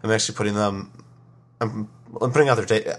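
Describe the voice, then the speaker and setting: A young podcast host with a cold speaks in a nasal, lowish voice. He talks fast and steadily, rambling casually with lots of fillers and restarts.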